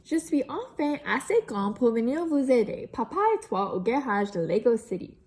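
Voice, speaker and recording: A woman voicing an eager, clumsy young boy in a children's storybook, exclaiming in a raised voice. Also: moderate pace. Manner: high, excited exclaiming.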